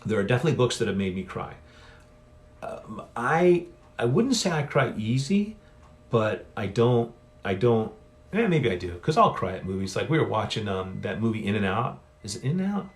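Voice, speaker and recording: Gravelly low-voiced man chatting on a livestream. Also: lively intonation, moderate pace. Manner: rambling, self-correcting, chatty. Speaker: author hosting a live Q&A. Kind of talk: casual solo livestream chat. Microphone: phone on a stand.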